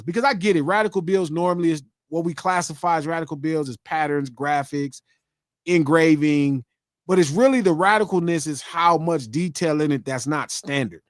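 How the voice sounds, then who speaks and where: High-voiced man hosting a live stream. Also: normal speed, no echo, clean studio sound. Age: 50s. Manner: reads viewer shout-outs, animated banter. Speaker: podcast host reading donations. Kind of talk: casual live-stream chat.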